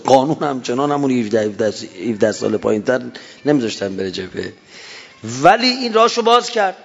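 A man in his fifties giving a religious lecture, telling stories with emphatic rises. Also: mid-range voice. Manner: storytelling with acted-out quotes and rising emphasis. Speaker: speaker. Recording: dull sound in a long-reverb hall.

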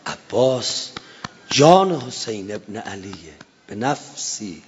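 A man preaching a religious sermon with impassioned emphasis, swelling to drawn-out chanted phrases. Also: on the low side, lively intonation, a little hiss or hum. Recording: dull lo-fi recording in a reverberant hall.

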